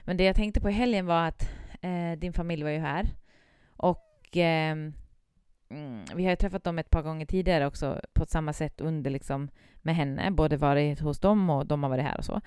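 Chatty woman with a smooth voice. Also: low voice, a little mellow, no echo, clean studio sound. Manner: chatty, rambling with many fillers. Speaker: parent. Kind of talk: casual chat.

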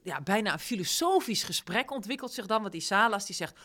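A woman leading a casual discussion of a story, retelling scenes with lively quoted lines. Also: medium pitch, brisk. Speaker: discussion leader.

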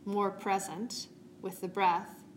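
A woman leads a guided meditation in a calm, meditative tone. She speaks slowly at a middle pitch, as a yoga teacher would. The room adds noticeable echo, with faint noise behind her.

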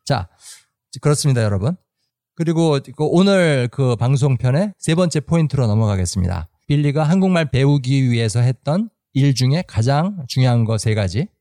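A man's voice: medium pitch, expressive, moderate pace, warm tone, no room sound, clean studio sound. A man hosting a podcast, speaking emphatically and repeating phrases for effect. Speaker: host.

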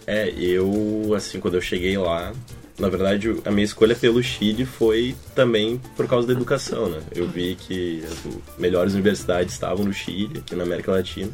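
Young guy, somewhat low voice, easygoing anecdotal guest. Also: fairly even intonation, moderate pace, a little mellow, soft background music. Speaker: exchange student guest.

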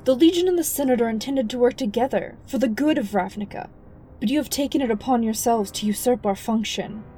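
A man's voice: extremely high pitch, a little fast, mellow, faint music behind, voice pushed up. A man narrating an audiobook, voicing an indignant soldier lieutenant who speaks in a heated, accusing way.

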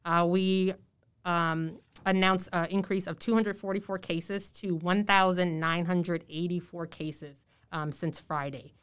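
A woman speaking through a face mask as a health official in an interview, explaining in a measured way and stressing key points. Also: lowish voice, fairly even intonation, clean tone. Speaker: public health official, podcast guest. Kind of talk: informative podcast interview.

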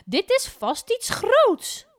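A woman voicing a flustered, excitable woman treasure hunter in a children's story, with high, squealing exclamations. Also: a little slow, no echo, studio quality, heavily acted. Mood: excited.

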